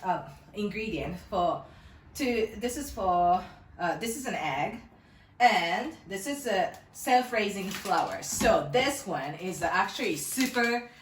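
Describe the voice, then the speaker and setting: A woman's voice: mid-range voice, lively intonation, takes it slowly, slight background noise. Japanese accented woman in her 30s rambling through a cooking demo, kinda far from the mic, roomy echo. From Japan, Tokyo. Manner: chatty, rambling, laughs often. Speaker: cooking video host. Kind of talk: casual cooking demonstration. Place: home kitchen. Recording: echoey kitchen, mic at a distance.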